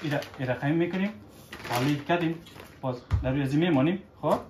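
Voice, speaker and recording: This father's fairly high voice guides his child through baking at home in a relaxed, instructional way, patient and coaxing, with frequent short questions to check understanding. Background noise is present, and the kitchen has an echo.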